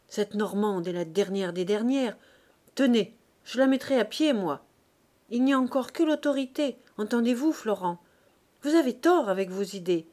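A haughty shopkeeper's wife who talks down to everyone in a firm, contemptuous voice, as a woman narrator plays her. Her pitch sits a little high. It is a figure from an audiobook novel. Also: darkish tone, lightly acted. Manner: domineering, contemptuous.

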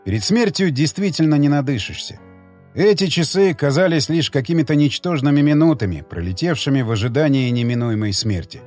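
A man narrating an audiobook in an expressive, dramatic reading. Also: on the high side, brisk, faint music behind.

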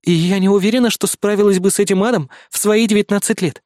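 A man's voice: high-pitched, steady tone, fast talker, a little mellow, no room sound, studio quality, voice pushed up, natural voice. A man voicing a fierce, blunt young woman, the narrator's partner, in an audiobook, with a brusque, sarcastic manner. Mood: earnest. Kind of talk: audiobook character voice.

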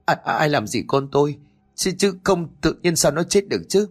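A man voicing an older mother who cries out in a raised, shrill voice. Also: animated, brisk, slightly rough. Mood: wailing. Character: frantic grieving older mother.

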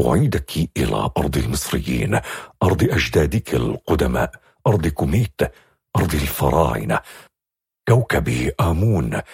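A man's voice: very deep voice, vocal fry, a little mellow, slightly rough, no echo, studio quality, pitched below the performer's own voice, full character voice. A man voicing a devoted young royal officer who speaks in a very polite, formal, solemn way.

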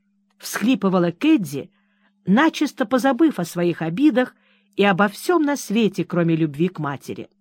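A woman's voice: mid-range voice, big pitch swings, normal speed, darkish tone, dry recording. Woman narrating a novel, dry sound. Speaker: audiobook narrator. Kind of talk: scripted narration.

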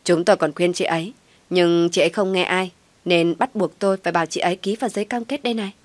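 A woman's voice: on the low side, steady tone, fast talker, no echo, natural voice. A woman voicing a male hospital doctor who speaks in a defensive, lecturing way.

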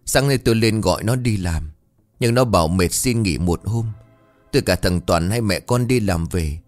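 A man's voice: fairly low pitch, expressive, normal speed, no room sound, close to an everyday voice. A heartbroken older mother in a village tale tells what happened in a tearful, strained voice, as a male storyteller reads her. The sound is dry and close, with a faint music bed underneath. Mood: grieving.

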